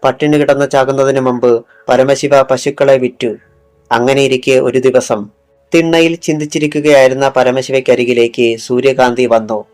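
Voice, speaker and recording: A man's voice: medium pitch, little pitch movement, moderate pace, a little mellow. A man reading a thriller audiobook in scripted narration, dropping his voice for quoted lines. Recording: faint music underneath.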